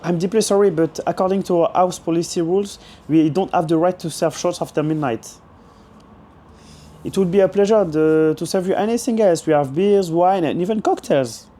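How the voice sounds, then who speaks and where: A man's voice: high-pitched, moderate pace, warm tone, close to an everyday voice. Young man playing a polite bartender. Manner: formal, apologetic. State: hoarse voice. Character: polite young male bartender refusing drinks.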